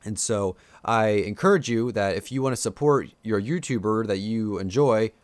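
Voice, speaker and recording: With a lowish voice at normal speed, this Pennsylvania Dutch-accented man is recorded dry. He does casual live-stream commentary as a YouTuber, rambling opinionatedly to his viewers with plenty of fillers.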